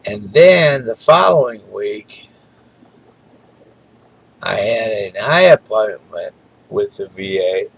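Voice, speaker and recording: A man's voice: on the low side, animated, slow, gravelly, long pauses, slightly rough, low-quality recording. A tired middle-aged man talking casually in a rambling, folksy way late at night. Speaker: vlogger.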